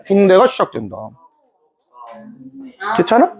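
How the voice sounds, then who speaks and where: A man's voice: sits high, wildly swooping pitch, measured pace, creaky, faint music behind. A man teaching a history class in a playful, joking way, acting out scenes. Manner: playful, jokey, acts out scenes. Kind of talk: lively classroom lecture.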